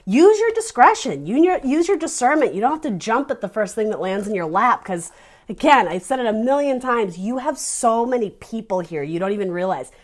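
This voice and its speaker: A woman giving a casual tarot reading, chatty and animated, restarting her sentences and laughing between thoughts. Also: mid-range voice, brisk. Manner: laughs often while talking. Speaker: tarot reader.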